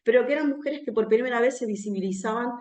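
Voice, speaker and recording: A woman's voice: a little high, quick pace, a little mellow. A woman from Argentina with an Argentine accent giving a live public talk in a conversational way, often ending phrases with a questioning "no?". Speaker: speaker at a political talk. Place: room where a talk is held, with an audience. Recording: roomy echo.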